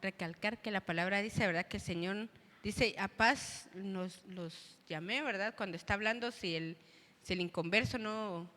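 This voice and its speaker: Woman in church hall, bright voice, thoughtful, lots of echo. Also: mid-range voice, moderate pace. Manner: thoughtful, frequent tag questions. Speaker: co-presenter at a church service. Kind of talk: reflective church talk.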